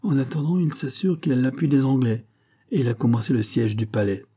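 A man's voice: mid-range voice, lively intonation, brisk, dark tone, husky, pitched above the performer's own voice. A man reading the part of a nervous male servant in an audiobook, with an anxious, pleading manner. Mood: urgent.

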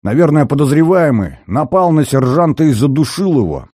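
A man's voice: a little high, sing-song, moderate pace, darkish tone, dry recording, studio quality, voice pushed up. A man voicing a flustered young duty lieutenant who blurts out eager, hasty reports.

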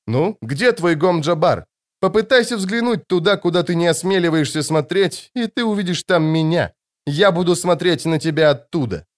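A defiant young male leader, acted by a man reading an audiobook speaks in a raised, forceful, declaiming voice. His tone sits fairly high for a man and carries cold command. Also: animated, moderate pace, natural voice. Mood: cold, scornful.

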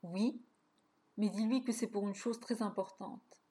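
A nervous, stammering old bachelor in his sixties, voiced with a mellow, warm tone by a woman reading the story aloud. He circles his question haltingly, caught between hope and dread. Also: medium pitch, close to an everyday voice. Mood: anxious. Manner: hesitant, stammering. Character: anxious older male bachelor, 62, hesitant.

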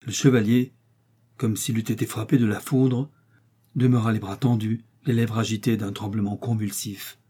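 Give me a man narrating a historical romance in a measured, expressive way. The voice is warm and dark, with a soft husk. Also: on the low side, breathy edge. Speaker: audiobook reader. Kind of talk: dramatic novel reading.

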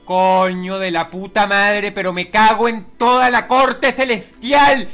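A man with a Venezuelan accent narrating his gameplay, swearing nonstop and shouting in frustration. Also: sits high, flat delivery, slow, soft background music. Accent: Venezuelan Spanish. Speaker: gamer. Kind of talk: raging gameplay commentary.

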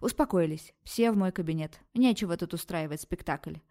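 A woman's voice: on the low side, fairly quick, warm tone, close to an everyday voice. A woman voicing a strict middle-aged female university supervisor who speaks in curt, commanding sentences. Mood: stern.

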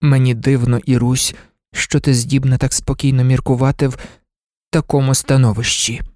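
A woman's voice: rumbling low, level tone, moderate pace, darkish tone, no echo, clean studio sound. A woman voicing an anxious, doting mother who frets and pleads with her daughter. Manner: fretful, pleading. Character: anxious, doting older mother, a professor's wife.

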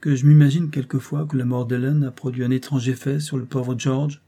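A man reading a whining old grandfather in a storybook. The voice is warm and a little husky, and he complains in a fawning, pitiful tone. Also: mid-range voice, little pitch movement, brisk, lightly acted. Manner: complaining, ingratiating.

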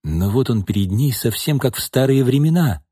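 Male narrator, audiobook, measured reading, husky, dry close sound. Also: mid-range voice, animated, dark tone, no echo. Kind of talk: scripted narration.

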